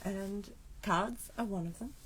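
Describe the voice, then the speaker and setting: An Australian woman, her voice scratchy from a cold, chats casually while demonstrating card making on a live stream, muttering asides to herself as she sets up. Her pitch is medium, her pace slow, and her tone fairly bright.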